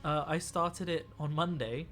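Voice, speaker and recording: A young man paints miniatures on a live stream, his high-leaning, slightly bright voice moving a little slowly over faint music. Tired from a week of talking, he chats in a rambling way and often restarts his sentences.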